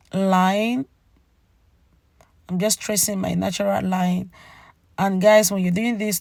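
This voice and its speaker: Female beauty vlogger, casual voice-over, cracking gravelly voice from a cold, mid pitch, talks directly to viewers. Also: a little mellow, no room sound, studio quality. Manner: chatty, addresses viewers directly with tag "okay?". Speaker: beauty channel host. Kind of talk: makeup tutorial voice-over, casual narration.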